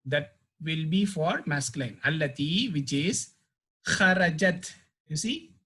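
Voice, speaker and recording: Brief: male language teacher, slow and patient, husky voice. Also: fairly high pitch, animated, bright, forceful tone. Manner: explains slowly, repeats phrases, translates word by word. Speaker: Arabic teacher. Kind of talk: language lesson.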